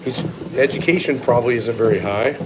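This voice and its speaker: A man's voice: medium pitch, fairly quick, background noise. A man giving blunt, opinionated, sometimes profane answers in a casual live question-and-answer chat as a strength coach.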